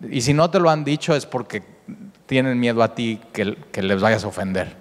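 A man preaching a sermon with animated delivery, often repeating words and rising in pitch for emphasis. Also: normal speed. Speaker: pastor. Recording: echoey hall with long reverb.

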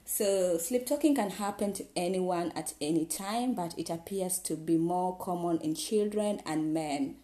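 A woman's voice: lowish voice, measured pace, hardly any pauses, dark tone. A woman presenting an informal explainer, partly reading and partly musing, often stumbling over and repeating her words. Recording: echoey, roomy sound.

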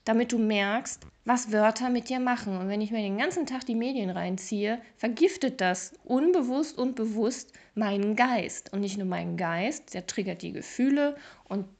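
A woman's voice: on the high side, moderate pace, a little mellow. A woman hosting a motivational podcast, talking casually and emphatically straight to the listener, with playful exaggeration. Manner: casual and chatty with fillers. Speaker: podcast host.

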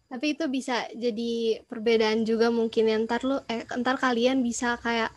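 A woman's voice: a little high, level tone, moderate pace, dry recording. A teenage young woman, chatting in an informal, agreeable way as a podcast co-host. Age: teens. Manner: agreeable, informal, slang with English fillers. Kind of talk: casual podcast chat.

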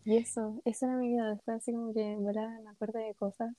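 A woman's voice: on the high side, level tone, fast talker, warm tone. A young woman with a Chilean accent, co-hosting a casual podcast, hesitant and self-deprecating, with many fillers. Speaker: podcast co-host.

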